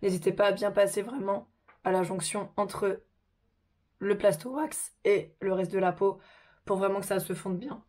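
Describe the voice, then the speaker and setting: A woman hosting a casual makeup tutorial, chatty and informal, her voice hoarse from a sore throat. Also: medium pitch, steady tone, normal speed, darkish tone.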